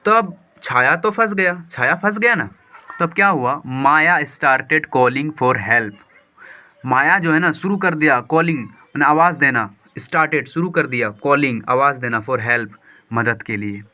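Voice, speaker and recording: A man reading a story aloud slowly, line by line, and explaining each word and phrase in quick, lively Hindi as a teacher. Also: a little high. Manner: slow deliberate reading of English lines, then quick lively Hindi explanation. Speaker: English teacher.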